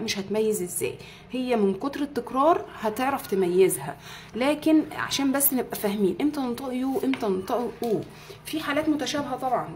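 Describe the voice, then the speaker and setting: A young woman with an Egyptian Arabic accent giving a casual English lesson, slowing down to stretch out and repeat example words. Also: on the high side, darkish tone, slight background noise. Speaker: English teacher.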